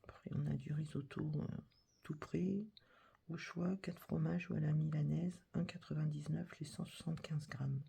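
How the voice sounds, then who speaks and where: A woman reading a supermarket catalogue aloud as whispered ASMR, with a breathy whisper and soft, chatty asides. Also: sits low, steady tone, normal speed. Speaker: catalogue reader.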